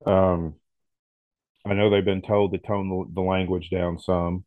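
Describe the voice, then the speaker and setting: A very low-pitched man co-hosts a casual podcast, easygoing and agreeable. He restarts his sentences often and fills gaps with "yeah". The audio is narrow and phone-like. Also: little pitch movement, a little slow, no echo. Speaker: podcast co-host. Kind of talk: casual chat.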